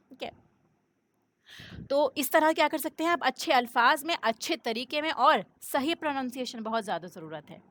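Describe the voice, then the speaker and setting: A woman's voice: high voice, sharp tone. A woman teaching a religious lesson, explaining step by step, posing rhetorical questions and checking in with "okay?", with many English words mixed into her speech. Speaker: Islamic teacher.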